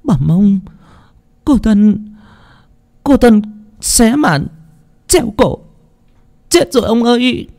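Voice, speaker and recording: A man voicing a panicked old woman cook who stammers in a high, shrill voice. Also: a little fast, a little mellow, clear, resonant tone, dry recording, clean studio sound, close to an everyday voice.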